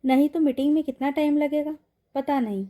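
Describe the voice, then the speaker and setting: A woman's voice: sits high, fairly quick, warm tone, lightly acted. Sanjana, a woman voicing a caring young assistant.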